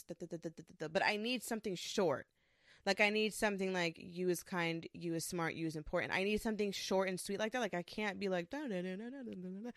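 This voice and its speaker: A woman's voice: medium pitch, a bit bright, no echo. Candid swearing woman, dry close sound. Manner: candid, rambling, swears freely, self-deprecating. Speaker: podcast host. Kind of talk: casual solo monologue.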